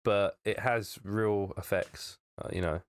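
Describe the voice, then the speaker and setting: A man's voice: on the low side, fairly even intonation, a little slow, a little hiss or hum. A man co-hosting a podcast, chatty and rambling, laughing often. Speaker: podcast co-host. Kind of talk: casual chat.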